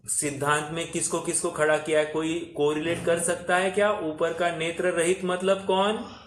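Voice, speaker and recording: A man teaching a scripture class, asking his students questions and explaining slowly and patiently with many pauses. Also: a little high, level tone, slight background noise. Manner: asks the class questions and repeats their answers. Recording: echoey room recording.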